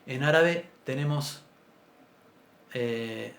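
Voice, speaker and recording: Gravelly-voiced man teaching a class. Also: medium pitch, drawn-out words, fairly bright tone. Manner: patient, explanatory, clears his throat often. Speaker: Biblical Hebrew teacher. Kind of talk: introductory language class. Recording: roomy echo, faint background noise.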